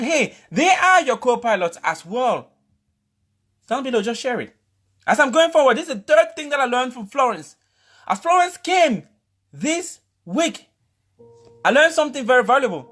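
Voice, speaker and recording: A man with a strikingly high voice delivers a motivational talk straight to the listener. He is emphatic, circles back to repeat his key lines, and dramatizes little scenes with playful exclamations. Faint music plays underneath. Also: fairly bright tone. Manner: playful, acts out scenarios with exclamations. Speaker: motivational speaker.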